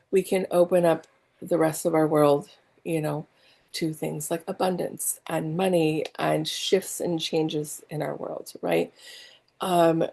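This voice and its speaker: A woman's voice: lowish voice, gravelly, dark tone. A middle-aged woman teaching an online healing class from home, chatty and full of fillers and asides. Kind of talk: casual teaching talk.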